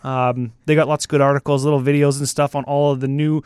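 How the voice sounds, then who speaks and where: A man's voice: mid-range voice, flat delivery, fast talker, a little mellow, smooth, no echo, studio quality. A man co-hosting a podcast in casual chat from a small broom closet, laid-back and joking, sometimes losing his train of thought. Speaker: podcast co-host. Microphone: good studio mic.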